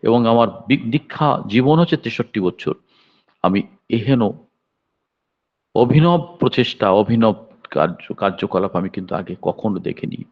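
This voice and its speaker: A man's voice: lowish voice, expressive, unhurried, long pauses. Older man preaching, dull lo-fi sound. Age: 70s. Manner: storytelling with sudden raised, emphatic bursts. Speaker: devotional speaker. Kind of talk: devotional sermon. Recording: dull lo-fi recording.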